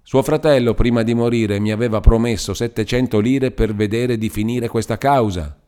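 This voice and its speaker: A man's voice: medium pitch, normal speed, mellow, clean tone, lightly acted. A man voicing a stubborn, mocking lame old man who talks shrilly and with a sneer. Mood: insistent.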